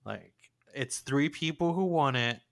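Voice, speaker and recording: A man's voice: medium pitch, animated, a little slow, creaky, a bit bright. A man co-hosting a podcast, chatting casually and enthusiastically about an anime episode like a gushing fan. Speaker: podcast co-host.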